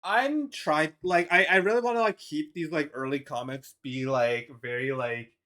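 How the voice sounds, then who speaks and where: A man's voice: fairly high pitch, normal speed, sharp tone. A man chatting casually on a live stream about his comics, rambling with many restarts and fillers and laughing between thoughts.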